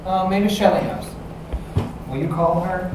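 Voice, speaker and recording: An actress playing a deadpan coworker. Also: female voice, on the low side, unhurried, natural voice. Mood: sardonic. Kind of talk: stage musical acting. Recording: distant, very echoey stage with noise.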